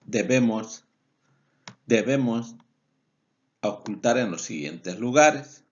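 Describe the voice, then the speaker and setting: Slow, lively Bolivian man lecturing. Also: lowish voice, vocal fry, dull audio. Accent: Bolivian Spanish. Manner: explanatory, repeats key points, self-corrects. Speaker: veterinary lecturer. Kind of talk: recorded lecture over slides.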